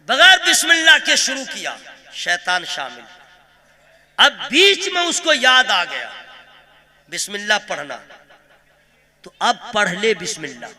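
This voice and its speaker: A male preacher from Kolkata giving a humorous sermon, teasing the audience and chanting verses in a slow melody. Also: high-pitched, sharp tone. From Kolkata, India. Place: religious gathering with a pulpit.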